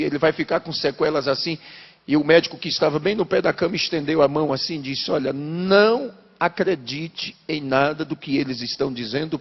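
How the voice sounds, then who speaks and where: A man preaching a testimony sermon, a pastor telling his story and building to shouted fervor. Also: a little high, big-room sound, lo-fi sound.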